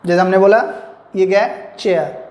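A man's voice: high voice, steady tone, moderate pace, a little mellow. A male English teacher giving a classroom lecture, explaining step by step, asking and answering his own questions, and mixing English terms into his Hindi. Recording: echoey room.

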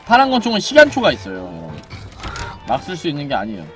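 A man streaming a horror game, joking and yelling loudly at what happens on screen. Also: on the high side, huge pitch swings, fast, music in the background. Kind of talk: excited gameplay commentary.

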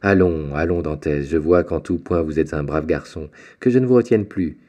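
A man's voice: a bass voice, moderate pace, warm tone, lo-fi sound. A man voicing a jovial, fatherly middle-aged shipowner in an audiobook, hearty and kindly. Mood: paternal. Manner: hearty, paternal.

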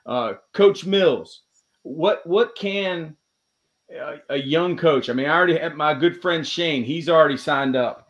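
A man's voice: on the high side, muffled recording. A man hosting a podcast over a video call, friendly, with hesitant restarts. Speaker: podcast host. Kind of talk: casual interview chat.

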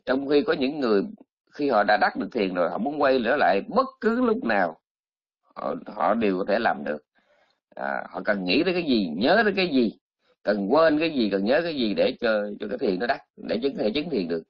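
A male monk gives a colloquial dharma talk, chatty and teasing, breaking into exclamations. His voice sits at an ordinary middle pitch. The close, dry recording sounds a little muffled and lo-fi. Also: sing-song, brisk, breathy edge, no room sound. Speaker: Buddhist monk teacher.

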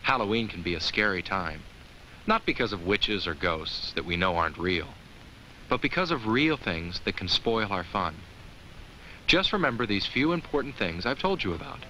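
A male actor with a lowish voice plays a kindly, earnest talking jack-o'-lantern narrating a children's safety film. He offers simple, reassuring explanations in a cautioning mood.

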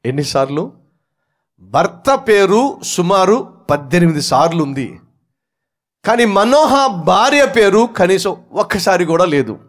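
Man, pastor, storytelling sermon, high voice, very lively pitch. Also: measured pace. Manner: animated, acts out the characters in his story.

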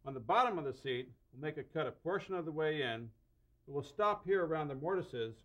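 A man's voice: on the high side, animated, brisk, a bit bright. Middle-aged man explaining woodwork in his workshop. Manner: clear, methodical explaining with mild enthusiasm. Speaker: host and woodworker. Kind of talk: instructional woodworking demonstration. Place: indoor wood workshop.

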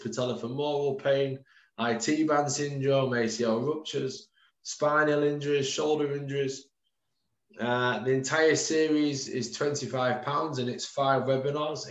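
Over a video call, a UK strength and conditioning coach in his thirties runs a relaxed webinar presentation. His pitch is medium, he calls everyone "guys" and says "um" often, and the webcam audio is roomy, dull and lo-fi.

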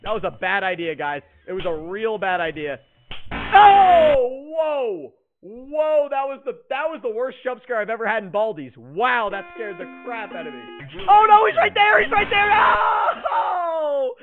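A man in his twenties reacting like a scared horror game streamer, panicky and prone to yelling and exclaiming. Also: high-pitched, lively intonation, moderate pace, soft background music. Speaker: gaming video host. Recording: tinny, phone-like, noisy audio.

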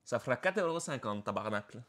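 A man voicing a sexy Québécois beach snack vendor in a high, sing-song hawker's voice, though he cannot manage the accent. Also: lively intonation, fast talker, a bit bright, natural voice. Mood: sales pitch.

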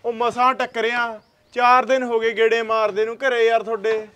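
A man acts out a Punjabi shopkeeper who has waited too long to be paid. He presses and demands, his voice sitting fairly high. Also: little pitch movement, normal speed, pushed and bright, slight background noise. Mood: insistent. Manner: insistent, demanding repayment. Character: frustrated creditor friend, a male shopkeeper.

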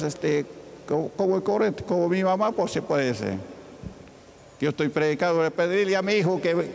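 A male pastor from Peru preaching a sermon in a church hall, calling out questions to the congregation and acting out the voices of Bible figures. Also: a little high. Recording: reverberant church hall with faint ambient noise.

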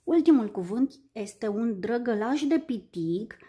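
A woman teaching young children a phonics lesson, sounding out letters and syllables slowly and carefully. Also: fairly high pitch, lively intonation, mellow, breathy edge.

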